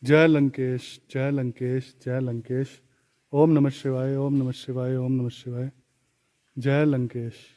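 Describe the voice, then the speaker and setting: A man vlogging from inside a dark cave, his voice echoing off the walls as he dramatically describes how frightening it is, a little short of breath. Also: medium pitch, level tone, slow. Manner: dramatic, keeps stressing how scary it is. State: short of breath in thin air. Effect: cave echo. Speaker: travel vlogger. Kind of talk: narrating a cave walk to camera.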